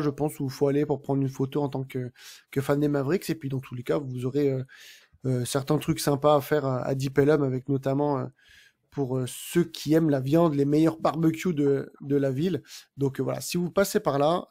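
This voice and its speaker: A man with a dark, mellow voice talking through a podcast segment. His delivery is casual and unpolished, with frequent pauses and restarts. He sounds like a co-host chatting with friends rather than reading a script. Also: medium pitch. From France. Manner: hesitant, many filler sounds and restarts while describing places.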